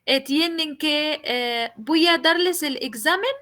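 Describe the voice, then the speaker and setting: A woman's voice: sits high, takes it slowly, pushed and bright. A woman teaching a language class, explaining patiently, repeating each point and asking her students questions. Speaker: Arabic teacher.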